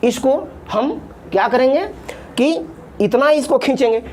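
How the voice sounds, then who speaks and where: Female Sanskrit grammar teacher, high and animated, explains patiently with lots of repetition. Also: unhurried. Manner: patient, repeats terms in Sanskrit then Hindi, draws out vowel sounds. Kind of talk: classroom lesson explaining at a board.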